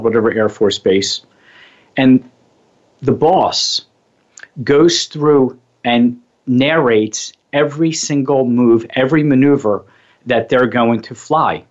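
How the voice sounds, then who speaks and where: A man hosting a radio show on hypnosis and mindfulness, talking casually in a rambling way and often correcting himself. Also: medium pitch. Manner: rambling, self-correcting, chatty. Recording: slightly muffled lo-fi audio.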